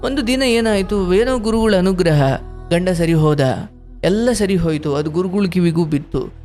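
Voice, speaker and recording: A man counselling a caller on a live spiritual call-in show, telling a story with rhetorical questions and gentle scolding. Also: high-pitched, moderate pace, soft background music.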